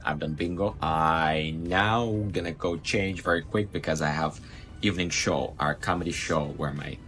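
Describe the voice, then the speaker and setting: A man's voice: rumbling low, normal speed, fairly bright tone, faint music behind. A man chatting casually as he vlogs his working day as an assistant cruise director. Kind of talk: casual vlog chat.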